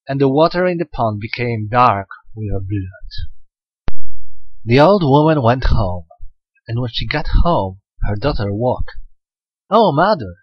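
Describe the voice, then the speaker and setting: Husky man reading a folktale. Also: medium pitch, dry recording. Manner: expressive reading with occasional slips. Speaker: audiobook narrator. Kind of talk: folktale audiobook narration. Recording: dull lo-fi recording.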